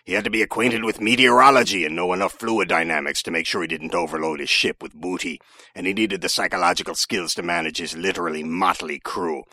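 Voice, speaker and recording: A man's voice: low voice, sharp tone, no room sound. A man hosting a scripted science segment, delivering it playfully in a mock-pirate manner. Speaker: science podcast host.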